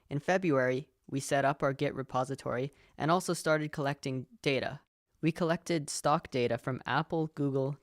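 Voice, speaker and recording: Young male student, scripted tutorial voice-over, even explanatory delivery, mid pitch, close dry mic. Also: no room sound. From Canada. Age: young adult. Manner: steady, explanatory. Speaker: student presenter.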